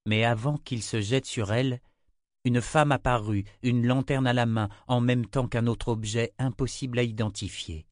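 A man narrating a fantasy novel as an audiobook in a steady, measured way. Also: medium pitch, no room sound, clean studio sound.

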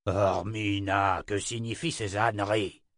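A man voicing a cruel, imperious emperor who speaks slowly and coldly. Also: lowish voice, level tone, no room sound, clean studio sound. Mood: menacing. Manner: slow, cold, commanding.

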